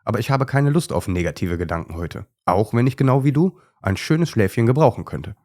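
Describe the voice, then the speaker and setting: A man voicing a calm, good-natured male German shepherd in a children's story, speaking in a reasonable, easygoing way. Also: lowish voice, brisk, lightly acted. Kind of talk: storybook character voice.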